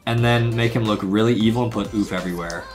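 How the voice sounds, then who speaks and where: A man hosting a gaming video, jokey and excitable, swinging from hushed mock dread to squeals. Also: fairly low pitch, fast, soft background music. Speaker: host.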